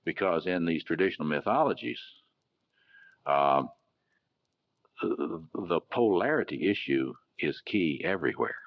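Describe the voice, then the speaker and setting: A man with a very deep voice delivers a discursive academic lecture, stopping often to restart his sentences. The recording is muffled and lo-fi. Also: big pitch swings, measured pace, vocal fry, pauses often. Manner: many filler "uh"s and restarts, discursive.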